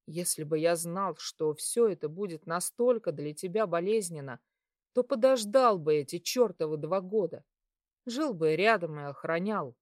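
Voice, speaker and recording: A woman voicing a protective young man who speaks soothingly and reassuringly on the phone, in a lowered voice. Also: expressive, moderate pace, no echo, clean studio sound, lightly acted. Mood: tender reassurance.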